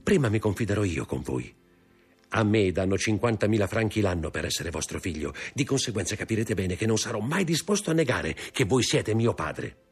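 A man voicing a sly, eager young male schemer in an audiobook, with a husky voice. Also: lowish voice, very animated, brisk, faint music behind, pitched above the performer's own voice, full character voice.

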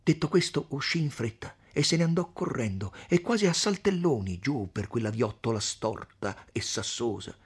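A man narrating a classic story in an expressive, theatrical reading style. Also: medium pitch, normal speed, hardly any pauses, husky. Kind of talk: dramatic audiobook narration.

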